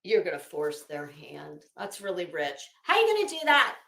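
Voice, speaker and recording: A woman's voice: on the low side, wildly swooping pitch, moderate pace, gravelly, sharp tone. A woman livestream host giving sarcastic, sweary commentary and dramatic readings in a hammy, theatrical manner. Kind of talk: casual commentary to a live chat with dramatic readings. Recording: roomy, echoing sound.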